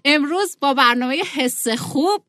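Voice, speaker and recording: A woman hosting a radio talk show, chatting in a lively, playful way from the studio. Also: sits high, dry recording, faint music behind. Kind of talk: casual radio chat.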